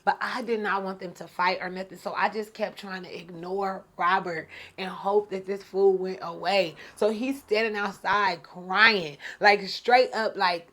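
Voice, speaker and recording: Animated woman telling a personal story. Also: medium pitch, a little slow, few pauses. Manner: animated, slangy, laughs often. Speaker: podcast host.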